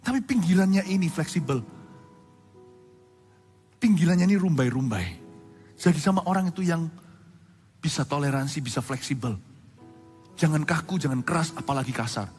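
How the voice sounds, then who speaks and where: A male pastor preaching a sermon in an animated way, acting out other people's voices. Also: on the high side, moderate pace, pauses often. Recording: reverberant hall with faint music.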